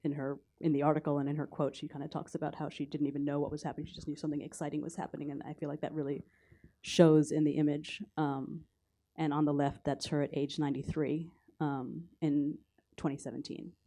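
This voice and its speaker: A woman with an American accent speaks as a photo editor on a conference panel. Her voice sits low and mellow, and her delivery stays level and low-key. She walks through slides haltingly, stopping now and then to find her notes. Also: flat delivery. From United States. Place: university conference hall.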